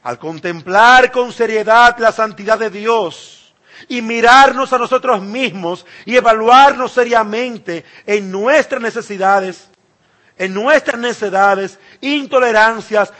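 Male preacher, high-pitched, emphatic sermon delivery, shifts from loud to hushed. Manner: emphatic, swinging between loud cries and hushed asides.

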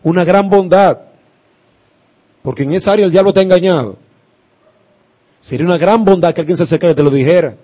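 Male preacher, passionate sermon, slightly high voice, loud then hushed. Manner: impassioned, swinging from loud to hushed, with emphatic pauses.

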